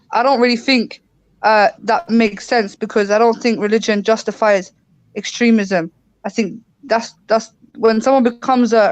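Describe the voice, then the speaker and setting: A woman's voice: fairly high pitch, no room sound. A woman with a London street roadman accent, debating casually as a panellist, slangy and emphatic, repeating herself to make a point. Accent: London street slang (roadman) English. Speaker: panellist on online debate show.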